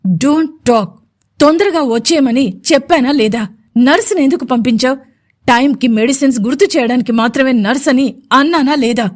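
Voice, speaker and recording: A woman's voice: a little high, lightly acted. A woman voicing a domineering, short-tempered young husband who snaps clipped orders in a storybook audio drama.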